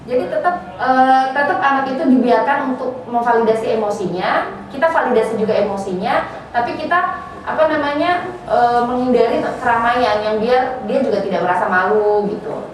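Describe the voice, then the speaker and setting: A woman giving a parenting seminar, lively and answering questions from the audience. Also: on the high side, normal speed, a little hiss or hum. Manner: lively, acts out child and parent voices in examples. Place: preschool seminar room. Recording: echoey hall, from far off, with audience.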